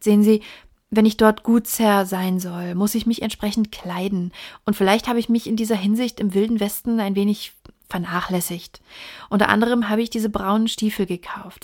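A woman's voice: medium pitch, natural voice. A woman reading the part of a plainspoken young male baronet raised in America, in an audiobook.

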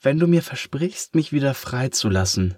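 A man voicing a small, curious ink blot with a high, eager, questioning voice in a storybook. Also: expressive, normal speed, a little mellow, no room sound, clean studio sound, lightly acted. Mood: timid.

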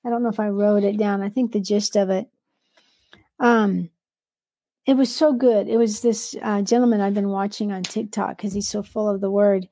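A woman's voice: medium pitch, steady tone, moderate pace, mellow, dry recording. A woman, an entrepreneur and devotional author, talks earnestly about her faith and work, often quoting scripture and sometimes restarting her sentences. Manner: earnest, quotes scripture aloud; restarts and self-corrections. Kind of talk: faith-based conversational sharing.

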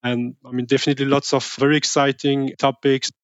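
A man speaking as an academic interview guest, explaining his work in a friendly, measured way. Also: medium pitch, level tone, clear, resonant tone, no room sound, dull audio.

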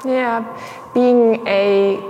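A young woman curator who grew up in Sierra Leone and Tanzania, speaking in a measured, reflective way with many pauses in an interview. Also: a little high, steady tone, mellow, highs cut off. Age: young adult. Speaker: museum curator, guest. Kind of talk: thoughtful interview conversation. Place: exhibition space indoors. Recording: reverberant hall with faint noise.

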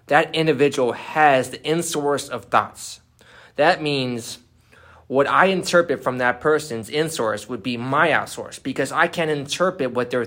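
A man as a guest in a casual discussion, calmly explaining his ideas step by step. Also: mid-range voice.

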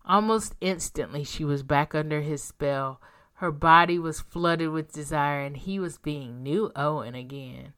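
A woman narrating a romance audiobook in a calm, even reading voice. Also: low voice, a little slow, clear, resonant tone. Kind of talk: scripted narration.

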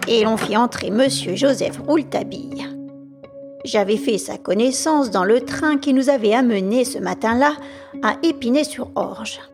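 A woman narrating a classic detective story in a steady, measured way for a podcast. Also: a little high, music in the background. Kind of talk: audiobook narration.

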